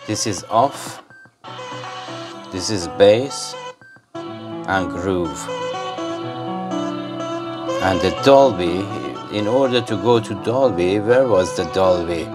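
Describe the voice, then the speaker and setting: Slow and low-pitched, this man pauses often while music plays in the background. He's a gadget reviewer at an indoor desk, doing a casual hands-on product demonstration and rambling and muttering to himself along the way.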